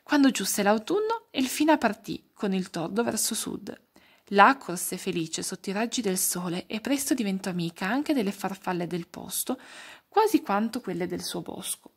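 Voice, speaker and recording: A woman reading a fairy tale aloud to children, expressive and speaking to young listeners. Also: medium pitch, moderate pace, husky. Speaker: children's story reader.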